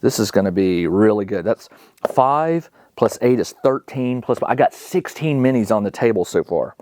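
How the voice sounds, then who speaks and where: A man's voice: on the low side, lively intonation, normal speed, a little mellow, no echo, clean studio sound. A man casually narrating a solo tabletop game, reading out rules and thinking aloud in a conversational way. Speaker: solo tabletop wargame player and host.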